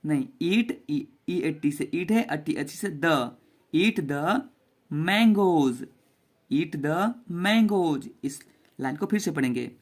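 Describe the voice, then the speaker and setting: A man with a fairly high, darkish voice and lively intonation teaches children a basic English reading lesson. He spells out each word letter by letter, slowly, and then repeats it.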